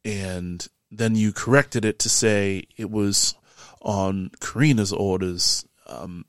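A man voicing a serious male tavern keeper who warns the party in a low, hushed, measured voice. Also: fairly even intonation, clear, resonant tone, dry recording, clean studio sound. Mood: grave warning.

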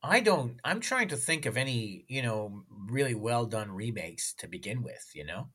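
A man's voice: mid-range voice, very animated, normal speed, pushed and bright, slightly rough. A man talking as a podcast guest in a casual film chat, often asking "you know what I mean".

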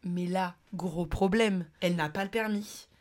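A woman's voice: lowish voice, steady tone, a little slow, a little mellow. A young adult woman hosting a podcast, telling personal anecdotes in a casual, slangy way with lots of fillers. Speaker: podcast host.

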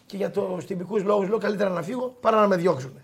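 A middle-aged man telling anecdotes in a casual chat, animated, quoting people and laughing often. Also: high-pitched, creaky. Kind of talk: casual storytelling.

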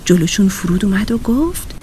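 A woman narrating a children's audio story in an expressive voice. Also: mid-range voice, a little hiss or hum. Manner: expressive and animated.

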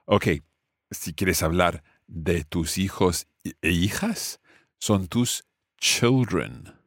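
A man's voice: sits low, drawn-out words, dry recording, studio quality. A man teaching family words in English, explaining patiently and repeating each word for his student. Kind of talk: language lesson dialogue.

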